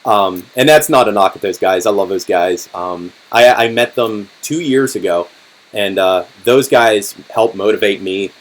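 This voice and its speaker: A young man in his twenties hosting a casual live-stream Q&A, talking in a relaxed, rambling way with lots of ums and restarts, his voice going hoarse. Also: on the low side, unhurried, poor audio. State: voice getting hoarse. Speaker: car channel host.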